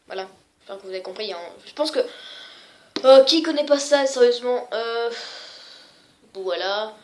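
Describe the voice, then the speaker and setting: Une femme qui présente ses jeux vidéo sur un ton décontracté, en hésitant souvent et en se moquant d'elle-même. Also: female voice, a little high, normal speed. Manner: rambling, many fillers and self-mocking asides. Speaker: gaming vlogger. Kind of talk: casual video game showcase.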